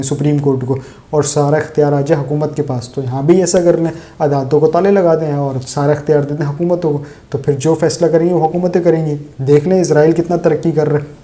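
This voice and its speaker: A man's voice: fairly high pitch, mellow. A man from Pakistan delivering sarcastic, opinionated solo political commentary straight to his viewers.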